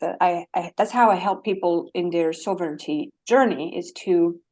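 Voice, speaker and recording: A woman with a French accent talks as a guest coach in a slightly low voice. She is earnest and animated. She laughs easily between her points. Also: moderate pace. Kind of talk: interview conversation.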